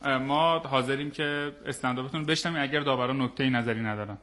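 Show host: man, mid-range bright voice, presenting and bantering. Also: medium pitch. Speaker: host of a comedy contest.

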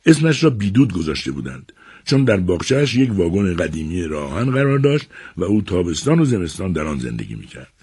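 Male radio narrator, very low voice, husky, lively expressive pitch, measured scripted storytelling.

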